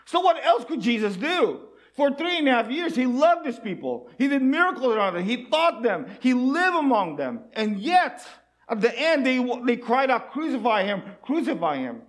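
A man delivers a sermon in a high, light voice. He pleads earnestly with his listeners and keeps asking them rhetorical questions. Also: big pitch swings, normal speed. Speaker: preacher.

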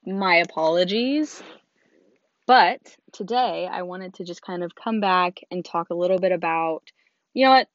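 Young female host, hoarse and low, earnest casual chatter, muffled dry recording. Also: a little slow, no room sound. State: hoarse, lost voice. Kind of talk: casual talk to camera. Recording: dull lo-fi, dry.

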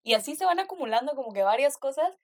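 Young woman, casual chat, teasing jokes, slightly high voice. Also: animated, fast, background noise. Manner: joking, teasing, chatty.

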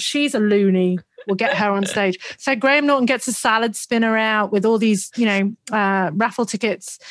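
A woman's voice: mid-range voice, no room sound. A woman in her forties, a business coach and podcast guest, talking candidly in a chatty storytelling manner. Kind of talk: casual conversational interview.

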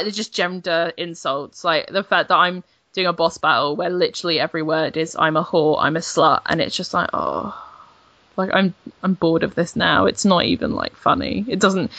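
A young woman in her twenties, a games journalist chatting as a podcast guest, blunt and animated, swearing freely. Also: on the low side, no room sound. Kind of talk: casual podcast chat.

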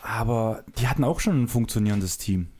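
A man's voice: on the low side, animated, a little fast, darkish tone, husky. A man co-hosting a casual podcast who jokes and teases while pushing the conversation along with questions. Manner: teasing, joking, drives the conversation with questions. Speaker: podcast co-host. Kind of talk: casual basketball chat. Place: room with closed soundproof windows.

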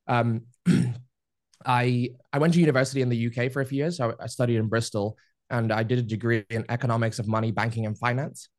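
A man's voice: mid-range voice, fairly quick, dry recording. Rambling man telling his story, dry sound. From Spain. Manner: relaxed, rambling, many fillers. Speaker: podcast guest. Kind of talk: casual interview storytelling.

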